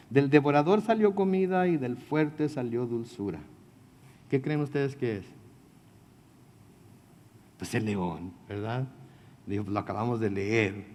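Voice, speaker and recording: A man's voice: medium pitch, a little mellow. A male pastor giving a midweek Bible study, talking conversationally, putting questions to his listeners and adding joking asides. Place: church meeting room. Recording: long reverb of a hall.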